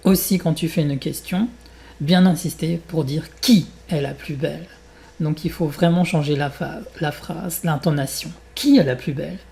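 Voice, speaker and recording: A man with a French accent, teaching French by reading a fairy tale aloud and then walking learners through exercises slowly and deliberately. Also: fairly high pitch, steady tone, creaky, darkish tone.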